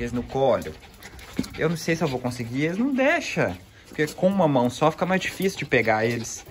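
A man's voice: a little high, background noise. A man with a Brazilian accent vlogging casually with his dogs, chatting to viewers and cooing affectionately at his pets. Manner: chatty, laughs often while talking to viewers. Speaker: pet vlogger.

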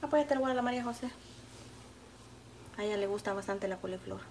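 At a quick pace and medium pitch, a slightly mellow-voiced, middle-aged cooking vlogger with a Salvadoran accent talks casually to her live viewers while serving food. Chatty and affectionate, she calls them sweet pet names, recorded in an echoey room with faint noise.

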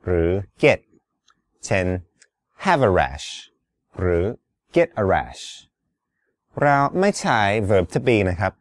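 A male teacher explaining grammar and pronunciation in a careful, polite way, his pitch on the low side but moving a lot. He talks very slowly, and the voice is dry and close with no room sound. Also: wildly swooping pitch, no room sound. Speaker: English teacher. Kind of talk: explaining an English lesson.

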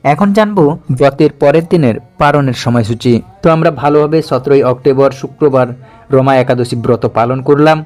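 A man plainly explaining the timings of a religious fast in an instructive way. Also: mid-range voice, a little mellow. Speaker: devotional presenter.

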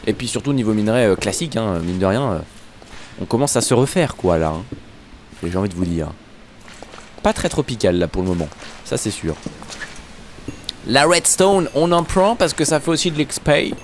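A man's voice: lowish voice, very animated, fairly quick, a little mellow, slight background noise. A man giving casual, jokey commentary over Minecraft play, talking straight to his viewers. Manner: yelps when startled. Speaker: Minecraft YouTuber.

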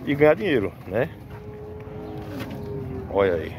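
This farmer from Northeast Brazil has a lowish voice with big pitch swings and a measured pace, vlogging his casual walk through an outdoor cattle market on a handheld phone camera. Chatty throughout, he fills his speech with tag questions like "né" and "pessoal," over the outdoor noise of cattle and vehicles.

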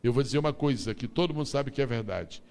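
Animated male pastor with a gravelly voice. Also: medium pitch, fast talker, slight background noise. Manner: animated storytelling, acting out scenes. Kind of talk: sermon. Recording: long reverb of a large church.

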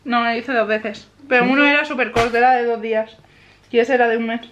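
A woman's voice: on the high side, steady tone, fast. A woman in her twenties with a Spain Spanish accent, chatting casually and exclamatorily on a family vlog recorded in a bedroom at arm's length. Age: 20s. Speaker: family vlogger. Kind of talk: casual chat. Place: bedroom at home, indoors. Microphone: camera at arm's length. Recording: clear background noise, handheld home video.

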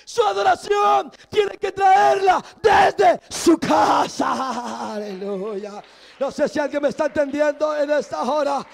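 High, gravelly shouting preacher. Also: male voice, fairly even intonation, slow, some chatter behind. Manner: swings between shouted exhortation and quiet storytelling, frequent "aleluya". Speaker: evangelist preacher. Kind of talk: sermon. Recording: live church service with congregation.

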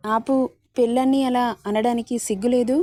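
Feisty young bride, read by a woman, slightly high, warm tone. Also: fairly even intonation, fairly quick, no echo, studio quality, close to an everyday voice. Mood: playful. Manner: feisty, playful. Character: young woman, spirited, feisty new wife.

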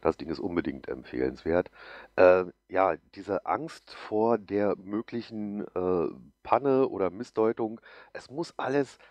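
A man's voice: sits low, animated, unhurried, a little mellow, no room sound. A man hosting a podcast, talking casually and hesitantly with many ums and ahs. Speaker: podcast host. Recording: dull, dry lo-fi mic.

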